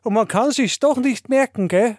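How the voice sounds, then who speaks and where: A man's voice: very high voice, normal speed, background noise, voice pushed up. A man playing a muddled, hesitant male customer who stammers through his answers. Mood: bumbling.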